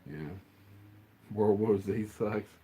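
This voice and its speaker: A man's voice: fairly low pitch, slow, warm tone, slight background noise. A middle-aged man, hosting a rambling, casual live stream chat and answering the chat as he goes.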